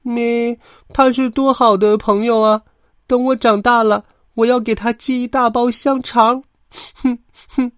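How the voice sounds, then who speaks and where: A man voicing a small, excitable little lamb who bleats in a high, whiny voice. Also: moderate pace, dry recording, studio quality. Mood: tearful.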